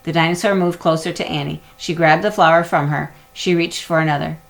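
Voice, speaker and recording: A woman narrating a children's chapter book aloud in an expressive storytelling manner. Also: deep voice, brisk, vocal fry. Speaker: storybook reader.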